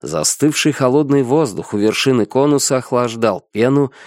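A man's voice: medium pitch, lively intonation, moderate pace, dry recording. Man with a dry, close narration voice. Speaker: audiobook narrator. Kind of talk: scripted narration.

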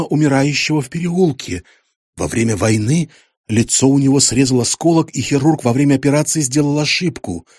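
A man's voice: mid-range voice, breathy edge, dry recording, studio quality. A man voicing a frightened older male Egyptologist who pleads in an agitated, cracking voice, in an audiobook.

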